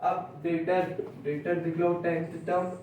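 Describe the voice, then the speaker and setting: Young male commerce tutor, unhurried and repetitive, distant mic, faint hiss behind. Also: a little high, flat delivery, a little mellow. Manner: slow, repeats points, asks students if they understood. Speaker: commerce teacher. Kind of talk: classroom lecture. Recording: echoey room, mic far off, faint noise.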